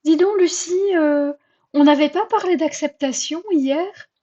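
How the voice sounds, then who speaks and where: A woman voicing her own inner voice, gently mocking and scolding her. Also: high-pitched, unhurried, lo-fi sound, voice pushed up. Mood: teasing.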